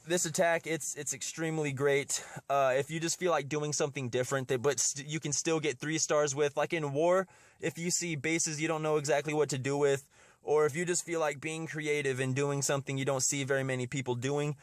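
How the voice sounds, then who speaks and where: A man with a medium-pitched voice hosts a strategy video, giving casual gameplay commentary and often repeating his words. His nose is slightly stuffy from a cold, and the recording is dry with clean studio sound.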